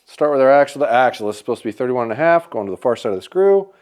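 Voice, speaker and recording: A man with a mid-range voice reviews a bow at a shop, casually talking through each measurement as he checks it. He is animated and upbeat, racing along, and says he has a loud voice, all in the style of hands-on product testing.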